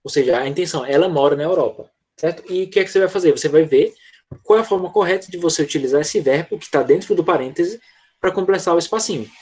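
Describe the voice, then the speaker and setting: Patient husky male teacher. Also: a little high, a little mellow. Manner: patient, checks in with "tá?" often; slows down to model English words. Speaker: English teacher. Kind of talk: online class, explaining grammar.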